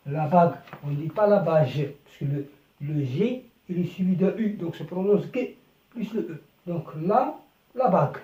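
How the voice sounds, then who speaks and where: French teacher, beginner phonics lesson, slow drawn-out repetition, mellow voice, roomy far-off sound. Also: medium pitch, lively intonation. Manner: slow, drawn-out syllables, repeating words. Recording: echoey room, voice from off the mic.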